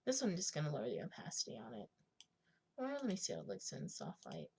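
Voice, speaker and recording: A young woman with a raspy smoker's voice giving a casual screen tutorial, thinking aloud in informal, slangy speech and often clearing her throat. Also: lowish voice, wildly swooping pitch, quick pace, darkish tone. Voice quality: husky smoker's rasp with gravelly creak. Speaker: digital art tutorial host.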